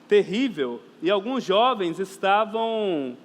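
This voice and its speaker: A man's voice: high-pitched, animated, takes it slowly. A man with a Brazilian Portuguese accent preaching a sermon as pastor, earnest and emphatic, repeating phrases for stress and addressing the congregation as brothers and sisters. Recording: reverberant church hall, faint background noise.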